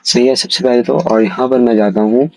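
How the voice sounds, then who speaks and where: A man's voice: mid-range voice, steady tone, a little fast, darkish tone, a little hiss or hum, rough recording. A man hosting a casual screen-recorded tutorial, talking viewers through each step and often checking in with them. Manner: conversational, repeats "sahi hai" as a filler, addresses viewers as "bhai". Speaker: tutorial host.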